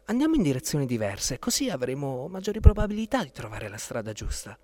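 A man's voice: mid-range voice, sing-song, fast talker, mellow, dry recording, close to an everyday voice. A man voicing an earnest, resolute young prince in a storybook tale.

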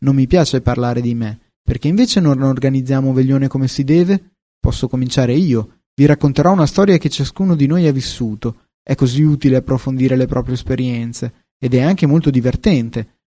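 A man's voice: mid-range voice, moderate pace, warm tone, lightly acted. A man reading as a chatty, self-important old pot. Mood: pleased. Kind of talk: storybook reading.

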